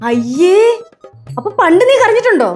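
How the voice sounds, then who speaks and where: An actress playing a scolding, sharp-tongued old grandmother in a TV sitcom. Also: extremely high pitch, sing-song, normal speed, soft background music. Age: older. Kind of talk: TV sitcom acting.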